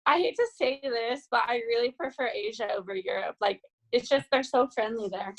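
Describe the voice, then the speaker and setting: A woman's voice: a little high, a little fast, rough recording. A young woman from California, a podcast guest chatting casually, laughing often and filling her talk with "like". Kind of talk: casual chat.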